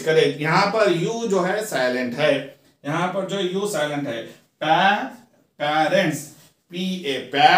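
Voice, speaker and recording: Teacher, male, middle-aged, native Urdu speaker, high pitch, slow and patient letter-by-letter spelling, echoey classroom sound. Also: fairly bright tone. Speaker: English teacher. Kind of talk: classroom lesson explaining English words. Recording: echoey room.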